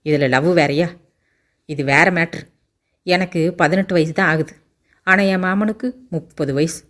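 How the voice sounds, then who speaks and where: A woman voicing a sharp-tongued, quick-tempered 18-year-old village girl in a Tamil audiobook. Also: sits low. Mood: aggrieved. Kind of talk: audiobook character voice.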